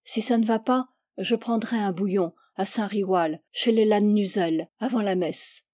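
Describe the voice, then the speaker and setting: A woman's voice: medium pitch, measured pace, mellow, dry recording, clean studio sound, natural voice. A woman reading aloud, voicing an ailing older peasant wife with a plaintive, whiny tone.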